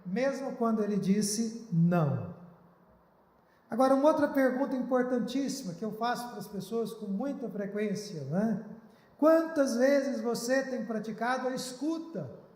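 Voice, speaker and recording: A man's voice: very high-pitched, animated, moderate pace, a little mellow. A male pastor preaching a sermon in an earnest, pleading way, recorded in a church. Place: church hall. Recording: echoey church hall.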